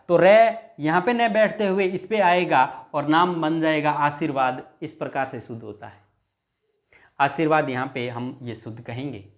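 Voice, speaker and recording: Higher-pitched man teaching a grammar lesson. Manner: explains patiently, repeats words slowly, asks students questions; dictates rules word by word. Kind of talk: exam-prep lesson.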